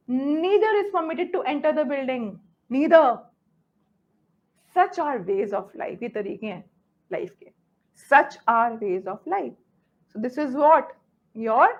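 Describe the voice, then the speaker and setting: A woman's voice: sits high, expressive, very slow, dull audio. A woman with an Indian English accent teaching a grammar lesson, often stopping to check that students follow. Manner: switches between Hindi and English, checks understanding often.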